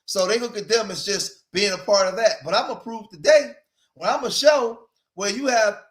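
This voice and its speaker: A man's voice: high voice, moderate pace, a bit bright. A man in his forties with an East Coast accent hosting a casual commentary livestream. He talks straight to his viewers and repeats phrases to drive his points home. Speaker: livestream host. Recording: echoey room.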